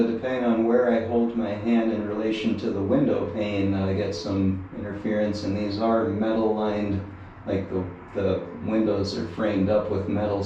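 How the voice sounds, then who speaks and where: A man with a lowish, mellow voice gives a casual, unscripted review of some gear, hesitating and thinking out loud as he talks. The recording sounds lo-fi, with faint noise in the background.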